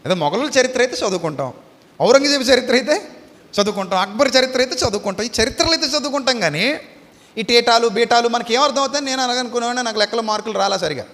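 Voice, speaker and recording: High, bright-voiced male preacher. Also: expressive, rapid-fire, big-room sound. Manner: fires rhetorical questions at the audience; emphatic, repetitive preaching cadence. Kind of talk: Easter sermon.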